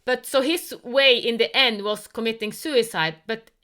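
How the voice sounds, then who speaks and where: A woman hosting a casual online conversation who speaks earnest, halting English full of spiritual talk. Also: fairly high pitch, fairly bright tone. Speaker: host. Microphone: online call.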